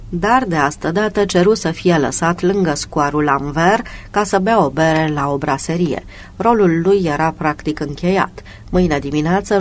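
A narrator giving a measured, even reading of a detective novel as an audiobook. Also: medium pitch, slight background noise. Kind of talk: scripted narration.

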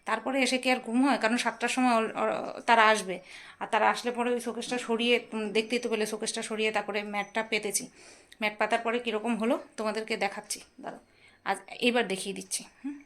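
A woman's voice: a little high, fairly even intonation, brisk, a bit bright, rough recording. A woman chatting casually to her viewers in a home vlog, tired after little sleep. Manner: chatty, addresses viewers directly. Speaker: home vlogger. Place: home, indoors.

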